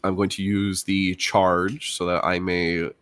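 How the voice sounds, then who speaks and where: Low-voiced man chatting at a game table. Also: flat delivery, fairly bright tone, slight background noise. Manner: thoughtful, halting explanations with pauses. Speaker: player in a tabletop role-playing game. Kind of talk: casual game-table chat.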